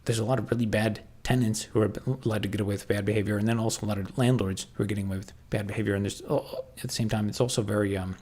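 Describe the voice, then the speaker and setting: A man with a Canadian accent chats casually on a livestream, answering viewers and thinking out loud in halting sentences that he keeps restarting. His lowish voice is darkish and slightly rough, with fairly even intonation.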